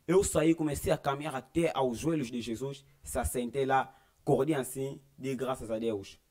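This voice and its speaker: A man's voice: mid-range voice, steady tone, moderate pace, a little mellow. Young Angolan man giving earnest testimony. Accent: Angolan Portuguese. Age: young adult. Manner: earnest storytelling that acts out quoted dialogue. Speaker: church member giving testimony. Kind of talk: personal religious testimony.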